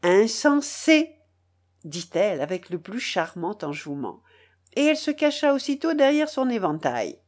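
A woman narrating a classic novel as an audiobook, in an expressive, dramatic reading. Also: mid-range voice, normal speed. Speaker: audiobook reader. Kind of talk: literary narration.

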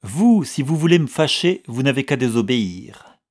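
A man's voice: sing-song, moderate pace, a little mellow. A man voicing a stubborn young woman who insists sharply and refuses to give in. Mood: defiant. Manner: shrill, insistent.

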